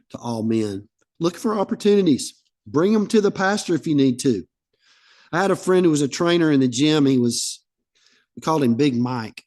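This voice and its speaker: Man, pastor, sermon, slightly high voice, chatty storytelling delivery. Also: darkish tone. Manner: conversational, anecdotal preaching that acts out dialogue.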